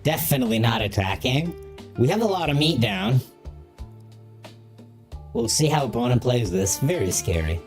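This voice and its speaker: A man's voice: medium pitch, expressive, moderate pace, long pauses, over music. A man talking through a voice modulator filter, thinking aloud through each move as a streamer in casual gameplay commentary. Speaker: streamer playing a card game.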